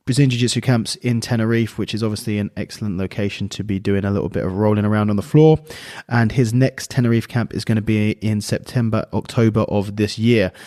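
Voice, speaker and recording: A man hosting a podcast, chatting casually and laughing easily with his guest. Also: fairly low pitch. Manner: relaxed, chatty, with easy laughs. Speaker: podcast host.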